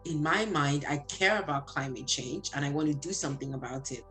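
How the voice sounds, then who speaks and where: Low-voiced reflective woman. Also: brisk, a bit bright, soft background music. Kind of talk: discussion.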